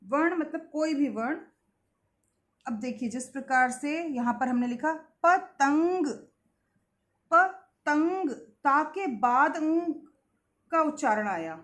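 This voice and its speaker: A woman's voice: high-pitched, lively intonation, echoey room. A woman teaching a children's Hindi lesson, drawing out syllables and repeating key points with questions to the class. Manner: slow, drawn-out sounding of syllables and words.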